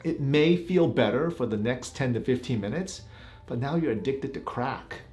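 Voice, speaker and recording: A man's voice: mid-range voice, expressive, normal speed, darkish tone, faint music behind. A middle-aged man, a physician, reacting to clips in a casual commentary, giving blunt warnings with a half-joking edge.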